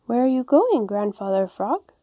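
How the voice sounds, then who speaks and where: A woman's voice: a little high, very animated, normal speed, dark tone, no room sound, pitched above the performer's own voice. A woman voicing a sad, worried male muskrat who speaks mournfully in a storybook reading.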